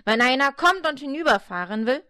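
A woman voicing a short-tempered male devil in a read-aloud fairy tale, speaking loudly and snappishly. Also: sits high, animated, brisk, dry recording, studio quality, pitched above the performer's own voice. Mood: gruff. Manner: loud, forceful and snappish.

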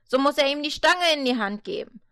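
A woman voicing a short-tempered male devil in a read-aloud fairy tale, speaking loudly and snappishly. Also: high-pitched, expressive, brisk, no room sound, studio quality, pitched above the performer's own voice. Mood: gruff. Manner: loud, forceful and snappish.

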